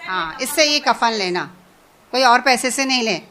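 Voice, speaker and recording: A woman's voice: on the high side, animated, sharp tone. A woman giving an informal religious lesson, talking conversationally, repeating phrases and asking her listeners questions. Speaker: Quran teacher.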